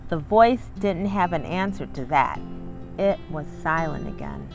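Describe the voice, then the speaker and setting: In a low, creaky, unhurried voice, a woman reads a storybook aloud as host of a children's read-along. She encourages viewers with warm asides, and background music accompanies her.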